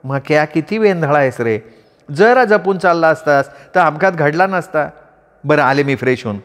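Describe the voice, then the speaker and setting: A man's voice: a little high, expressive, normal speed, fairly bright tone. A young wife scolds and demands answers in a raised, exasperated voice, as a male storyteller puts her on. A long hall echo follows each line. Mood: scolding. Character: sharp-tongued young wife, scolding her clumsy husband.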